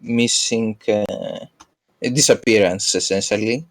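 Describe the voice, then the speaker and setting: A man chatting casually as a player in a tabletop role-playing game, halting and rephrasing as he goes. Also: fairly low pitch, steady tone.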